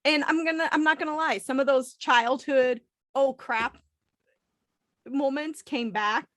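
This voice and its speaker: A high-pitched woman in a dry, close recording co-hosts a boozy movie chat. She sounds tipsy and giggly, acting out little quoted asides as she tells her stories. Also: steady tone, moderate pace, a bit bright, no echo. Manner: drinking, tipsy. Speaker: podcast co-host. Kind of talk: casual chat about movies.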